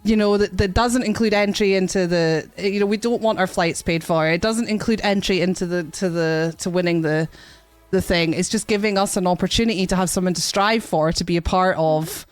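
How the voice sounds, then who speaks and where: A woman's voice: on the low side, fairly quick, no echo. A young woman talks in a chatty, rambling way, often restarting her sentences. Her voice sits mid-range and sounds dry and close, with faint music underneath. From outside the United States. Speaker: streamer guest. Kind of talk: casual streamer chat.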